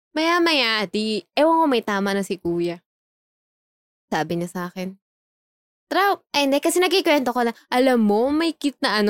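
A young woman telling a story in casual chat, animated, laughing often and acting out the dialogue she quotes. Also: medium pitch, no echo.

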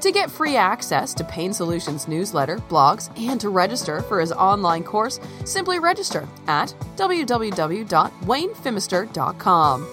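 A woman's voice: mid-range voice, big pitch swings, moderate pace, hardly any pauses. A woman reading a polished, scripted podcast introduction. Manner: polished promotional read. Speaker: podcast announcer. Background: music.

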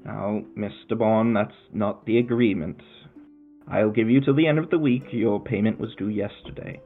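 A man putting on a gravelly, courteous debt collector. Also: lowish voice, soft background music, close to an everyday voice. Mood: stern. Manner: courteous but unyielding, measured. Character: polite, firm male debt collector. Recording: tinny phone-like line.

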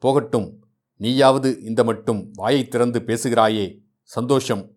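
A man's voice: medium pitch, fairly even intonation, a little slow, darkish tone, natural voice. A man reading aloud voices a mocking young man who teases a shy bride.

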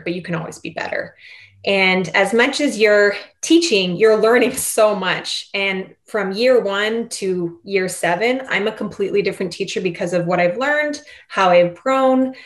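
A woman teacher talking about her seven years of teaching in an earnest, reflective way, with light laughs. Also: mid-range voice. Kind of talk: casual interview chat.

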